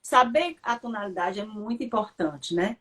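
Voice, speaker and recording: Woman explaining calmly. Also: medium pitch, normal speed. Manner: explanatory, affirming with short agreements. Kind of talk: casual conversation.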